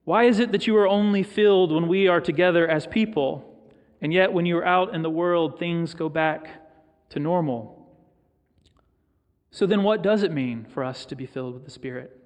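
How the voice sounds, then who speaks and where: A middle-aged man delivers a sermon, shifting into personal stories with thoughtful pauses. His voice sits fairly high for a man. The sound carries the long reverb of a large church sanctuary. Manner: storytelling, reflective, with pauses for emphasis. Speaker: pastor.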